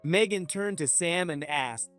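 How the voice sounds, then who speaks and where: Man, story narrator, slightly high-pitched, measured, scripted first-person. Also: a bit bright, faint music behind.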